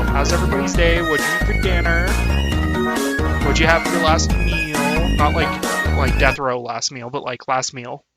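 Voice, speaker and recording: A young man chatting casually on a live stream, laughing often and thanking his viewers. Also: a little high. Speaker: VTuber streamer.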